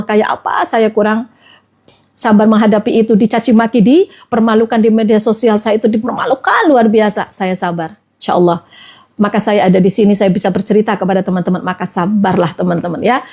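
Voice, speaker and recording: A woman's voice: medium pitch, a little mellow. A woman, giving an Islamic motivational talk as a trainer and coaxing her listeners with repeated phrases. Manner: repetitive, coaxing, addresses listeners as friends.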